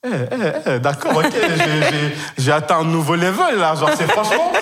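A man's voice: on the high side, sing-song, moderate pace, a bit bright. A man in his twenties, from Senegal and raised in Kenya, telling a personal story as a podcast guest. He talks hesitantly, with many fillers and repeated words, and laughs often. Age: 20s.

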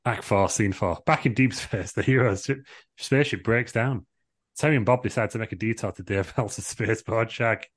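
A man's voice: fairly low pitch, moderate pace. A man narrating a comic amateur play from a script, reading out stage directions as co-host.

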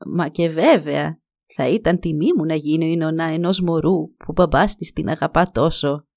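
A woman voicing a kind old peasant woman who speaks slowly in a storybook reading. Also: low-pitched, no room sound, clean studio sound. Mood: gentle. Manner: slow and gentle.

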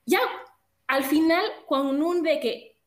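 High-voiced woman in echoey room. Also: a little slow. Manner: animated, talks through everyday examples. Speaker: co-host. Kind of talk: casual chat.

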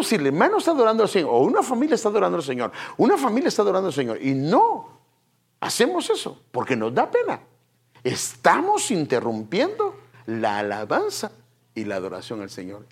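A man preaching a sermon, talking straight to his congregation, with hushed asides that break into loud, emphatic bursts. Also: a little high, wildly swooping pitch, brisk, creaky, slightly rough. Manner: addresses the congregation directly, repeating "fíjese" and "hermano". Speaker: pastor.

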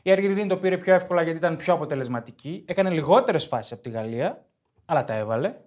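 Grumbling, argumentative man with a lively voice. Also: on the high side. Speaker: podcast co-host. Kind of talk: casual podcast chat about football.

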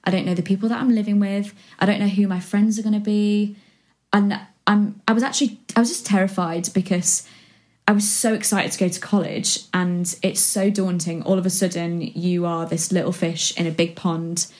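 A woman's voice: medium pitch, steady tone, moderate pace, a little mellow. A woman in her twenties from West Yorkshire, chatting casually as a guest, rambling with lots of ums and likes. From West Yorkshire, England. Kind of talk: casual chat.

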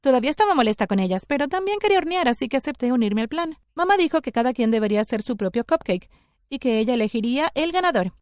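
Animated woman narrating a story. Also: sits high, fast talker, no echo, clean studio sound. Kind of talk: scripted first-person narration.

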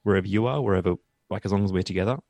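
Aussie guy on a podcast, kinda gravelly, low, dry close mic, laughs a lot. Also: racing, a little mellow, dry recording. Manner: chatty, laughs often. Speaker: podcast co-host. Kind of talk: casual chat recapping a reality show.

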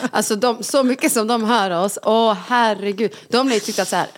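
Lively laughing Swedish mom podcaster. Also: female voice, on the high side. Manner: animated storytelling, acts out voices, laughs often. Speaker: podcast co-host. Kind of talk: casual chat.

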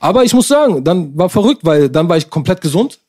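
Fast-talking man. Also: fairly high pitch, slightly rough. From Germany. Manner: slangy, animated storytelling. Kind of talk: casual chat.

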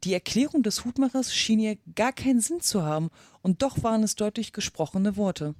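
Woman reading a kids classic aloud, calm and even, mid voice, dry close recording. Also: mid-range voice, brisk, no echo. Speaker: podcast reader.

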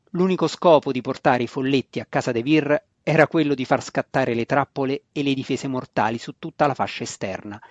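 A man reading a fantasy novel aloud in a steady, measured scripted narration. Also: mid-range voice, no echo. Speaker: audiobook narrator. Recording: dry, slightly dull lo-fi recording.

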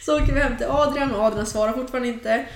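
Chatty young woman in a roomy space. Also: a little high. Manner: animated storytelling with lots of fillers. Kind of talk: casual chat. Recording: roomy echo.

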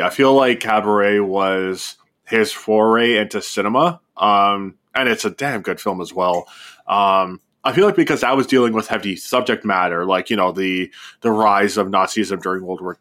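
A man's voice: fairly low pitch, a bit bright. A man co-hosting a podcast, talking through films in a loose, rambling way with lots of fillers. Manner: rambling, many fillers and restarts. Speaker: podcast co-host. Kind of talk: casual film discussion.

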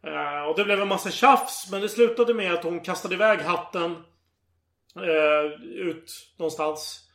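A man casually retelling a story in a podcast chat, animated and acting out the quoted lines. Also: high-pitched, echoey room.

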